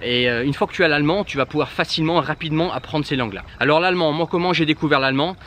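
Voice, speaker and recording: A fairly high, fairly bright male voice rattles off casual language-learning advice at rapid-fire speed, speaking right to the viewer. He's a native Germanic-language speaker, informal and loaded with fillers and false starts.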